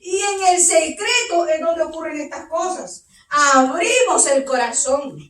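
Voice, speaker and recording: Fervent high-voiced woman pastor preaching. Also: animated, unhurried, a bit bright. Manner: fervent, rising to tearful cries. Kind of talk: impassioned sermon. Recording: roomy hall, distant mic.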